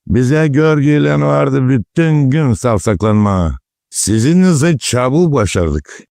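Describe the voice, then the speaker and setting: Speaking slowly and expressively in a gravelly mid-range voice, a man gives life to a cartoon's wise, folksy village grandfather as he describes how things used to be done. Music plays behind the dialogue.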